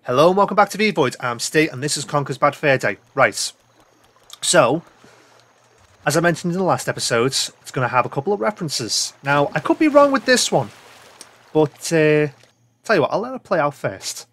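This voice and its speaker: A man's voice: a little high, sing-song, normal speed, a bit bright. A man hosting a let's-play, chatting casually and swearing freely as he plays. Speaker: gaming channel host.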